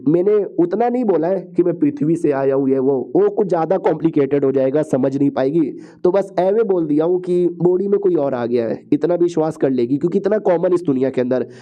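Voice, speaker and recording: A man's voice: a little high, a little fast. A man narrating a comic-book story recap in a chatty, slangy way, often repeating phrases. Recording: dull lo-fi recording.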